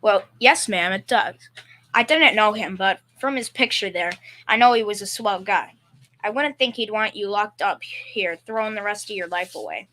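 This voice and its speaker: In an amateur school performance of an old-time radio comedy-drama, a woman plays a good-natured family man. Her natural voice is bright, sharp and medium-pitched for a woman, and she sounds earnest. The delivery is plain-spoken, folksy and halting, with repeated words and a slightly timid streak.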